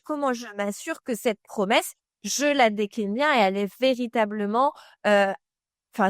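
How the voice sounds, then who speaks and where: A woman walks the listener through employer branding in a casual, direct voice that sits a bit high. She speaks to the listener as "tu", peppering her points with fillers. The sound is dry and close, with no room around it. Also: no room sound. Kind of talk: casual expert explainer.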